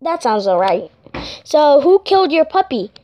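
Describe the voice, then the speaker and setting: A woman's voice: sits high, big pitch swings, warm tone, lo-fi sound. A woman playing a fussy police dispatcher. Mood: excited. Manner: halting, with many fillers. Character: toy-play police dispatcher, fussy and helpful.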